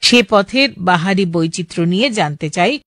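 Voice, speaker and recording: A woman's voice: lowish voice, expressive, normal speed, a bit bright, no echo, clean studio sound. Woman radio presenter reading listeners' letters.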